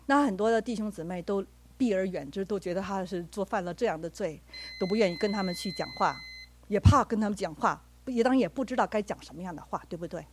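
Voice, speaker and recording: A woman's voice: mid-range voice, quick pace, husky, no room sound. A woman preaching a sermon with personal stories, speaking earnestly and acting out the dialogue she quotes.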